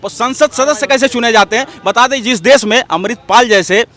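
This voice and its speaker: As an interview guest, a man with an extremely high, fairly bright voice delivers heated, combative political opinions at a moderate pace. He hammers his points emphatically and keeps demanding attention with "look" and "listen."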